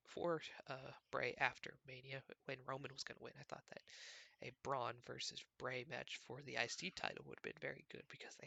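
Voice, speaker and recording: A man's voice: mid-range voice, gravelly, bright, forceful tone, no echo. A man hosting his own sports show from home, recapping casually in a rambling, conversational way. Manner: rambling, conversational, filler-heavy.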